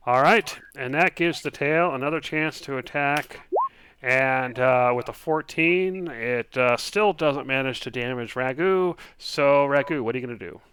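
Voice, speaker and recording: A man narrating as game master, describing actions and dice rolls in a relaxed way with many fillers. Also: medium pitch, a little slow, clear, resonant tone.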